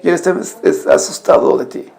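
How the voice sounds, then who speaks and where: A man's voice: medium pitch, huge pitch swings, fairly quick, creaky, a little mellow. A man preaching a sermon, emphatic and exhorting, often putting rhetorical questions to his audience. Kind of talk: Spanish-language sermon.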